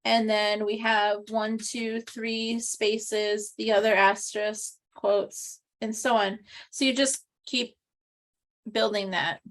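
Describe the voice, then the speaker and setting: A woman's voice: medium pitch, fairly even intonation, slow, fairly bright tone. A woman teaching an online class, explaining step by step with frequent ums and restarts over a video call. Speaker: instructor. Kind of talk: recorded online class walkthrough.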